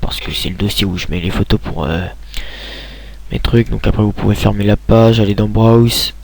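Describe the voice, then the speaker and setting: A man's voice: lowish voice, moderate pace, gravelly, a little mellow, no echo. A young man giving a casual screen tutorial, rambling with many hesitations and restarts, talking into a computer mic at home.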